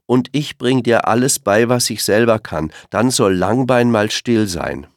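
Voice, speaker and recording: A man's voice: mid-range voice, a little slow, dry recording, clean studio sound, voice pushed up, close to an everyday voice. A man voicing a kind, shy young fawn in a children's story, friendly and reassuring.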